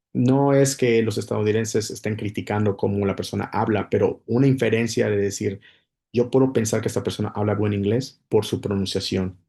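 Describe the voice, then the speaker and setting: A man's voice: fairly low pitch, vocal fry, dark tone. A man giving a casual spoken English lesson, explaining patiently with many repetitions and restarts. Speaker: English teacher.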